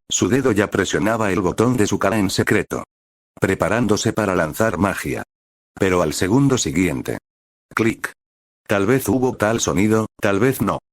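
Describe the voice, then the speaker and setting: A man reading a story as narrator in an even, steady way. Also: fairly low pitch, dry recording, studio quality.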